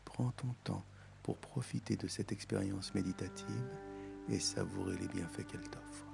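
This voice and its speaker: A man guiding a meditation in a soft, soothing, intimate voice, as if speaking right into your ear. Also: sits low, steady tone, normal speed, creaky. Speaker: meditation guide. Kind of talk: guided meditation. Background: music.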